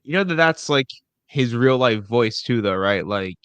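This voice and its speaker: A man's voice: mid-range voice, lively intonation, moderate pace, fairly bright tone, clear, resonant tone, no echo. A man in casual chat, reacting as a co-host.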